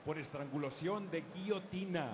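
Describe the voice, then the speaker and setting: A man announcing formally from the ring in a lucha libre announcer manner, building to booming, drawn-out calls. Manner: formal, ceremonial, booming drawn-out winner call. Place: live fight event arena. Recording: clear arena noise behind.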